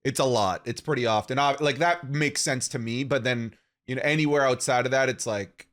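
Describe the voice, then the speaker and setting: A man's voice: mid-range voice, fairly quick, fairly bright tone. A young man hosting a podcast, easygoing and asking questions in casual chat. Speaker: podcast host.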